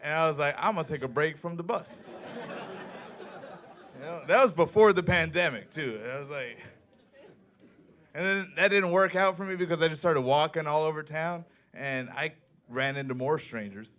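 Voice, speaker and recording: A man doing a stand-up set in a comedy club, telling stories in a deadpan way and acting out the people he quotes. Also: a little high, moderate pace, long pauses. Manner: deadpan storytelling with acted-out quotes.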